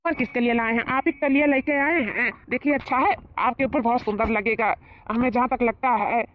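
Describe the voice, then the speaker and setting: In a comedy sketch, a woman acts as a smug village man who flirts in a wheedling, boastful way. Her natural voice is fairly high, a bit bright and a little fast, and the tinny, phone-like recording has slight background noise.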